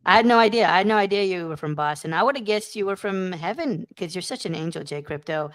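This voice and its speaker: Effusive low-voiced woman hosting. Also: lively intonation, quick pace, no room sound. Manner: effusive, full of shout-outs and praise. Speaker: show host. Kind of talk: casual podcast chat.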